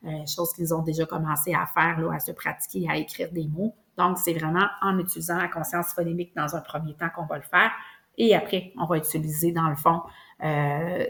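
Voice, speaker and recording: A woman teacher walks through a lesson step by step. Her voice sits a little low, and she talks patiently, pausing on small hesitations as she explains. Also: a bit bright. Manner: patient, careful, many fillers. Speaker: preschool teacher.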